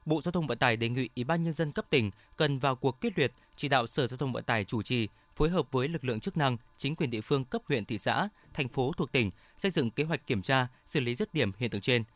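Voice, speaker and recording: A man reads scripted news bulletins as a radio presenter. His voice sits at a medium pitch, and his delivery is formal and measured. The recording is dry, without room sound. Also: fairly bright tone, no room sound.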